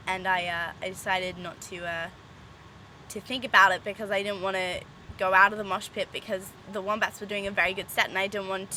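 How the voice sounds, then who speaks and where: A woman's voice: mid-range voice, sharp tone, poor audio. A woman student vlogging casually in her backyard, rambling with restarts and giggles. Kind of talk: casual chat. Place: backyard, outdoors. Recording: outdoor traffic noise.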